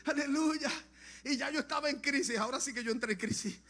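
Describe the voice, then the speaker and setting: A male Puerto Rican pastor preaching a Pentecostal sermon, shouting in tongues and then dropping to quiet storytelling. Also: extremely high pitch, fairly quick. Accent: Puerto Rican Spanish. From Puerto Rico.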